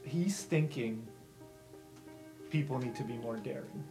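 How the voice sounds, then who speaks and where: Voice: medium pitch, a little slow. Gm narrating a tabletop game, chatty and rambling, music going in the back. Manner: chatty, with many restarts and asides. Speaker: game master.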